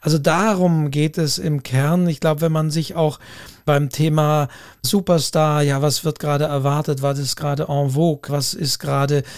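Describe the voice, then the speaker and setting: A man speaks in a somewhat high voice, weighing his points carefully and circling back to his own phrases. The sound is dry and close, with no room around it. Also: flat delivery, normal speed, clear, resonant tone, no echo. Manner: thoughtful, hedging, repeats phrases. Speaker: podcast co-host. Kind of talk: casual discussion.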